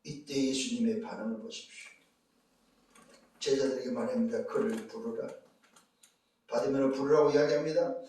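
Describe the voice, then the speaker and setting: A man's voice: mid-range voice, steady tone, a little fast, mellow. A man preaching a sermon as pastor, emphatic and full of rhetorical questions to the congregation. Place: church sanctuary. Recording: echoey church hall, distant mic.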